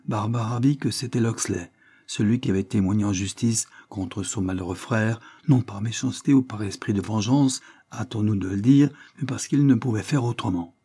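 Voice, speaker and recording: A man reading a classic novel aloud as an audiobook narrator in a measured storytelling manner. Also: on the low side, dark tone, slightly rough. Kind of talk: scripted narration.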